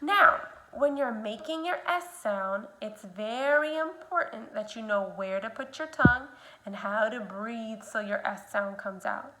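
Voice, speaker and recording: This speech sound teacher is a woman whose fairly high voice sounds bright and forceful. The recording is rough, with a little hiss or hum, as she demonstrates slowly and exaggeratedly and prompts the learner through each stage.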